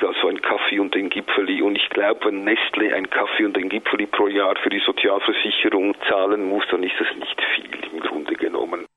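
A man's voice: fairly low pitch, breathy edge. A man, a party secretary, explaining his case earnestly in an interview soundbite. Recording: tinny phone line.

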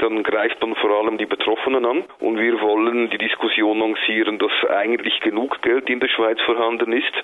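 A man, a party secretary, explaining his case earnestly in an interview soundbite. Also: on the low side. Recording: tinny phone line.

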